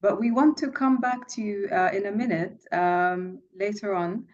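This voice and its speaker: A woman's voice: mid-range voice, normal speed, a little hiss or hum. Lady host asking the panel questions, muffled lo-fi audio. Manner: steering, poses questions to guests. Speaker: podcast host. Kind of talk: moderating a panel discussion. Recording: dull lo-fi sound.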